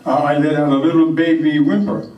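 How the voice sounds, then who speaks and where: Guy doing a french-canadian woodsman bragging in broken english, slow tall tales on stage, echoey and a bit far from the mic. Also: fairly high pitch, little pitch movement, highs cut off, close to an everyday voice. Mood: boastful, earnest. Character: boastful French-Canadian woodsman, champion moose caller. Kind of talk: comic character monologue on stage. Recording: echoey room, distant microphone.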